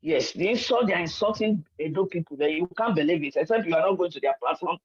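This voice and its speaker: On a muffled, lo-fi phone line, an older Nigerian woman calls in to a radio show and argues politics heatedly, insisting, repeating herself, and talking over the host. Her Nigerian-accented voice is fairly low, animated, fast, and slightly rough.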